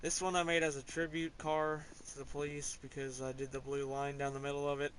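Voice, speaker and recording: A man's voice: fairly high pitch, level tone, fairly quick, a bit bright, slight background noise, rough recording. A man casually talking through his game car collection in a rambling, offhand way, with small hesitations. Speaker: gamer showing his garage. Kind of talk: casual gameplay commentary.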